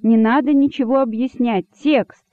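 A woman voicing a shouting mob of rabbits. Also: a little high, fairly even intonation, normal speed, no room sound, pitched above the performer's own voice, natural voice. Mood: rowdy. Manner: shouting, chanting. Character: angry crowd of shouting rabbits. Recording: dry tinny phone-like sound.

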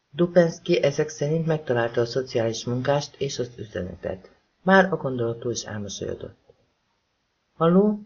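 A man narrating a novel audiobook in a steady, measured reading voice. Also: medium pitch, slightly rough. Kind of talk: scripted narration. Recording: slightly dull lo-fi audiobook.

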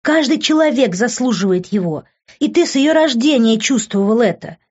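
A stern but loving middle-aged mother, voiced by a woman reading aloud, lectures her grown son in a raised, insistent voice. Her tone is pitched noticeably high for the speaker. The recording sounds dull and lo-fi. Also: lively intonation, moderate pace, a little mellow, slightly rough. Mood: scolding.

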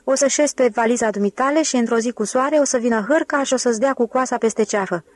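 A woman's voice: fairly high pitch, dry recording, natural voice. A woman reading the part of a brash, bossy male con man in an audiobook, in a pushy, boisterous manner.

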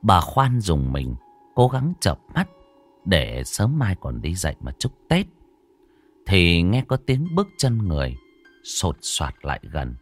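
Deep-voiced man telling a ghost story. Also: a little slow, faint music behind. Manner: animated, rising and falling for suspense. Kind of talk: dramatic scripted narration.

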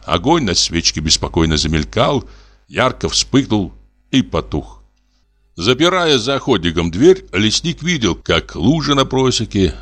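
A male audiobook narrator with a fairly low voice that rises and falls in lively swings. He tells the story in an expressive, measured way.

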